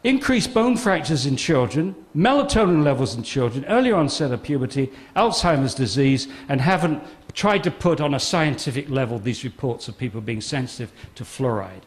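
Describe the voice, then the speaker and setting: A man's voice: medium pitch, animated, moderate pace, few pauses. A man giving a public talk, emphatic and sarcastic, often repeating phrases for effect. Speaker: guest speaker. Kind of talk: public talk on a health controversy.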